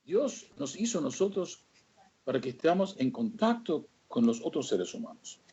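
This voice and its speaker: Un rabino dando un sermón, hablando directo a los oyentes con énfasis retórico y frenando en las palabras clave. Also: male voice, a little high, very animated, moderate pace, dark tone, husky, muffled recording. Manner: rhetorical, addresses listeners directly. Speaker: rabbi. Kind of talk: sermon on the weekly Torah portion.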